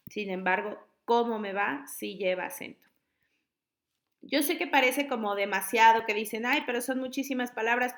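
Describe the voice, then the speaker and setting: A woman, an online high school tutor patiently explaining spelling to her students. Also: fairly bright tone.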